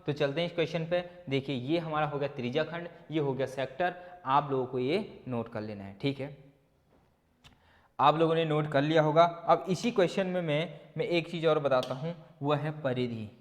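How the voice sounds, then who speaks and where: A man's voice: a little high, normal speed, long reverb tail. A man teaching a maths lesson for exam students, asking questions and answering them himself, with some encouraging pep talk. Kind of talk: whiteboard exam-prep lesson.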